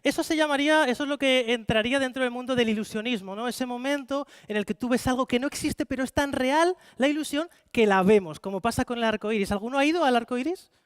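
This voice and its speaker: A Spanish man performing card magic at a rapid clip, his voice very high for a man. He coaxes volunteers with playful showman patter, and the sound is dry and close. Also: clear, resonant tone, dry recording. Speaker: stage magician. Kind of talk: live card-magic show with audience volunteers. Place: conference hall with live audience.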